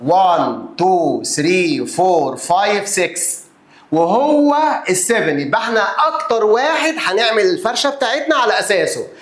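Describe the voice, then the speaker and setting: A man's voice: sits high, lively intonation, measured pace, roomy sound. A man with an Egyptian Arabic accent teaching a math lesson, counting places aloud and answering his own questions as if he were the pupil.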